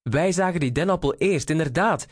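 A man voicing Eduard, a carefree young male squirrel, in an excited, breathless storybook voice. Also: mid-range voice, unhurried, slightly rough, no echo, studio quality, exaggerated voice. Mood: frantic.

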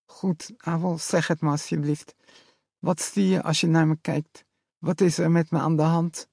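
A man's voice: on the high side, level tone, a little slow, creaky, a little mellow, dry recording, studio quality, voice pushed up. A man reading a storybook, voicing a confused mother who has turned into a doe, with a lisping, strange voice. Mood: frightened.

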